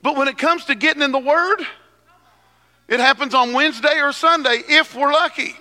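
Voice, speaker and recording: A man preaching a sermon at a pulpit microphone, swinging between soft teaching and loud shouting. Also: very high voice, normal speed. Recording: long hall reverb.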